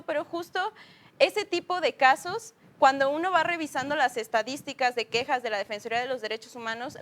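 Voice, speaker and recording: A woman's voice: on the high side, fairly bright tone. A woman with a Mexican accent speaking as a guest on a TV panel, earnest and thorough, with many fillers. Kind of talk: panel discussion.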